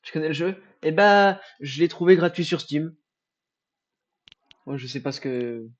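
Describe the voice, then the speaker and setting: A young man streaming a game live, casual and jokey, muttering then suddenly shouting, with swearing. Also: a little high, lively intonation, unhurried. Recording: dull lo-fi stream audio with faint game music.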